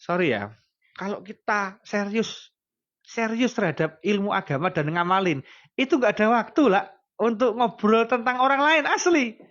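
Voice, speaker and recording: A man's voice: high voice, normal speed. A male preacher with a Javanese accent giving a casual religious talk, telling stories with animation and acting out pleading prayers. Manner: animated storytelling, acts out pleading prayers and quotes. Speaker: Islamic preacher. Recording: dull lo-fi recording.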